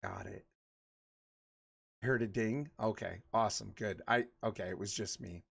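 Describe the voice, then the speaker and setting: Man, forties, livestream host, casual rambling chat, gravelly, lowish voice. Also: unhurried. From Michigan. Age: 40s. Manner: chatty, rambling, laughs often.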